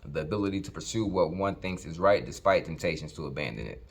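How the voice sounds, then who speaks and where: Deep-voiced guy in his 30s talking discipline from his shop, chill, cussing a bit, words kinda slurred from aligners. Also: animated, quick pace, gravelly, husky. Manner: laid-back, swears casually, slang-heavy. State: slightly slurred speech from dental aligners. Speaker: fitness vlogger. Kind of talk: casual motivational talk to camera. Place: his workshop.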